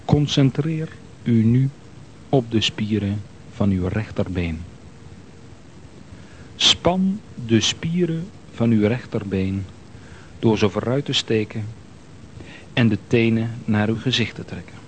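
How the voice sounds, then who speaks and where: Man, relaxation guide, slow soothing instructions, lowish voice, faint rumble. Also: animated, rough recording. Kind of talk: guided progressive muscle relaxation.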